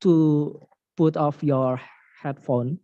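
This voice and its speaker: Male moderator, fairly high voice, dry and dull call audio, brief and polite. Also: steady tone, drawn-out words, warm tone, no echo. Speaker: session moderator.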